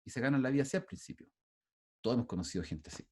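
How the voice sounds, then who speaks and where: Speaking rapid-fire with an animated, dark-toned voice of medium pitch, this middle-aged man lectures a university class online. His Chilean Spanish accent comes through as he talks casually and keeps restarting.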